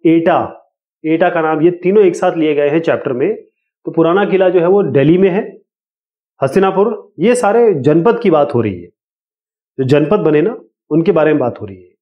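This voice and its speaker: A man explaining an exam lesson to students in a casual, explanatory way, reading questions out slowly. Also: on the high side. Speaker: teacher. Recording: tinny, phone-like sound.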